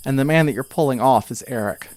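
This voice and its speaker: A man acting as game master improvises narration for a tabletop game, telling the story haltingly and conversationally. His voice sits at medium pitch with a slightly mellow quality, and the recording has no echo.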